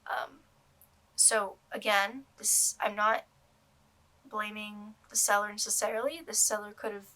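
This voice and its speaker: A woman's voice: mid-range voice, flat delivery, unhurried, sharp tone. A young woman doll collector talking casually to camera, rambling with many ums and restarts. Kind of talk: casual vlog review.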